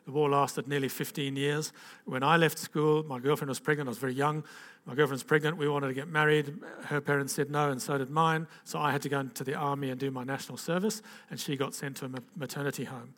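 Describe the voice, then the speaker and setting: With little pitch movement, a medium-pitched and slightly bright voice moves at a quick pace under a long reverb tail. It belongs to an older man from Zambia and Zimbabwe offering an informal personal testimony to a gathering, rambling and conversational, with restarts and repeated "okay?" asides.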